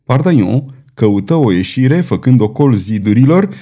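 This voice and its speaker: A man narrating an adventure novel in a dramatic, theatrical audiobook reading. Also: mid-range voice. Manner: expressive, theatrical storytelling.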